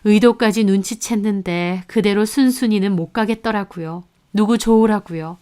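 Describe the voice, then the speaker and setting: A woman narrating a first-person family drama in a steady telling voice. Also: mid-range voice, moderate pace. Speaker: story narrator.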